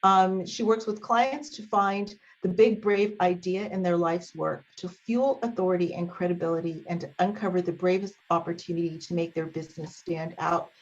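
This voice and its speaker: A woman hosting a meeting, reading a guest introduction with many um pauses over a video call. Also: on the low side, steady tone. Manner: warm filler-laden reading, with um pauses. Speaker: meeting host introducing a speaker. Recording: dull lo-fi video call audio.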